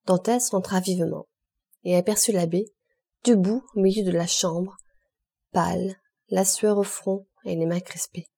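A woman reads a classic novel aloud in a measured, steady narration. Her voice is mellow and warm. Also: fairly low pitch, gravelly, breathy edge. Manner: measured literary reading. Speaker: audiobook reader. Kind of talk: scripted narration.

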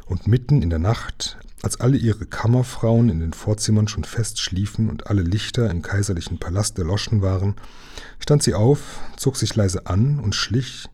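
A man reading a children's storybook aloud in calm, even storytelling. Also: on the low side, normal speed, slightly rough. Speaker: reader of a children's book.

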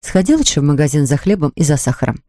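A woman's voice: deep voice, sing-song, quick pace, mellow, no room sound, clean studio sound. Woman doing a firm, scolding mother. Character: no-nonsense mother of a young boy.

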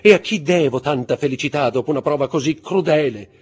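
A man's voice: medium pitch, big pitch swings, moderate pace, breathy edge, voice pushed up. A man voicing a frantic noble Parisian mother, pleading and crying out, in an audiobook reading. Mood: anxious. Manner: pleading, breathless, cries out.

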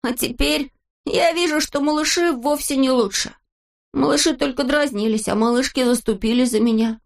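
A woman voicing a boastful little boy who is tearful and sulky, in a high, whiny storybook voice. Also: moderate pace, vocal fry. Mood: earnest.

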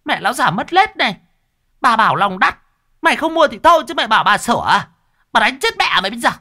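A man voicing a foul-mouthed middle-aged female shop owner who scolds and curses in a shrill voice. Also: big pitch swings, unhurried, gravelly, pushed and bright, no room sound, studio quality, full character voice. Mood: furious.

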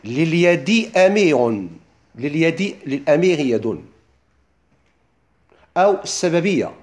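A man's voice: on the high side, sing-song, takes it slowly, darkish tone. A man with a Moroccan accent teaching a lesson on classical rhetoric, asking questions and answering them himself.

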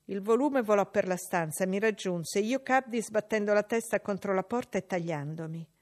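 Woman, audiobook narrator, literary reading, measured, expressive, mid-pitched voice. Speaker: audiobook reader.

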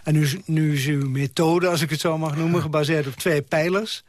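A man's voice: a little high, fairly even intonation, brisk, no echo, studio quality. A man hosting a radio interview, asking questions with brief prompts and stumbling restarts.

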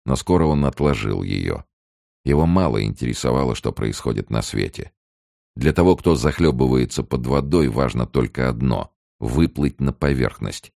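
Deep, gravelly male audiobook narrator. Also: expressive, mellow, dry recording, studio quality. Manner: measured, serious reading. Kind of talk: scripted narration.

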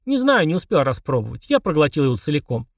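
Greedy shameless house demon, flat and snide, lively pitch, dry close sound, read by a man. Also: fast talker, no room sound, recorded from a distance. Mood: indifferent. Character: greedy, blunt male demon living in the fridge.

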